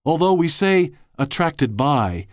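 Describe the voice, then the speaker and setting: Lively dry-voiced male narrator. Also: on the high side, slow, dry recording. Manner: clear, lively storytelling delivery. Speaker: host and narrator. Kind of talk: scripted narration.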